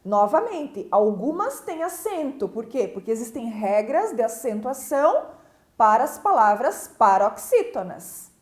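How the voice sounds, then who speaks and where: Lively high-voiced Brazilian teacher woman. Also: a little slow. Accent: Brazilian Portuguese. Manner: explanatory, checks in with tag questions. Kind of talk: recorded school lesson. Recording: echoey room.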